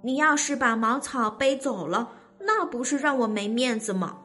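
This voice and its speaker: A woman's voice: on the high side, expressive, normal speed, bright, forceful tone, faint music behind. A woman voicing a small, clever male rabbit in a children's story, sly and playful.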